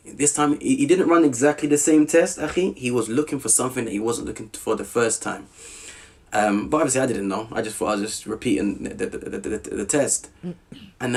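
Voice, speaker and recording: A man from Southeast London, with a South London accent, tells a personal story as a podcast guest in a lively, casual way, often checking that the listener is still with him. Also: mid-range voice. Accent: South London English. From Southeast London, England. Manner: animated, checks in often with "you with me?".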